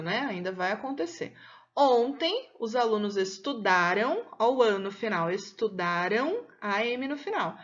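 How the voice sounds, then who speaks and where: A Brazilian woman with a Brazilian Portuguese accent teaches a recorded lesson, her voice a little high. She explains patiently and slowly and keeps asking "né?". The audio is dull and lo-fi.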